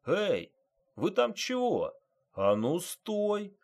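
A man voicing a blunt, grumbling male police driver who talks loudly and complains. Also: mid-range voice, sing-song, normal speed, slightly rough. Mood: shouting. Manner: loud, complaining.

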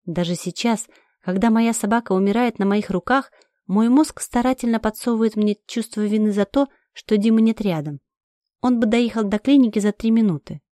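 A woman's voice: medium pitch, moderate pace, warm tone, no echo, studio quality. A woman narrating a first-person story aloud with urgent, emotional delivery. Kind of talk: first-person audiobook reading.

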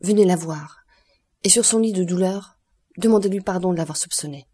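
A woman's voice: on the low side, fairly quick, mellow, breathy edge. A woman voicing a desperate magistrate. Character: anguished middle-aged male magistrate.

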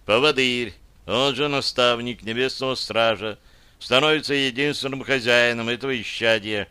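A man voicing a cool-headed dark mage who speaks in a measured, matter-of-fact way in an audiobook. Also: medium pitch, clear, resonant tone, no room sound. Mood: grave. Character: calm dark magister, grave and secretive man.

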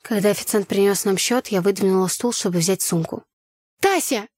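Woman narrator, first-person novel, even storytelling, dry close sound. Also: medium pitch, a little fast, dry recording. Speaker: audiobook narrator.

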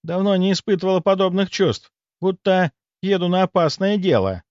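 Guy putting on shrill old noble lady mage, way up high, loud, dull dry sound. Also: normal speed, no room sound, natural voice. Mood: excited. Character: very old noble woman mage, excitable and fierce. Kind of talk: audiobook character voice.

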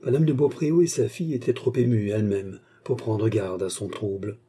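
A man reading a classic novel aloud as an audiobook narrator, in a measured, even way. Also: fairly low pitch, breathy edge.

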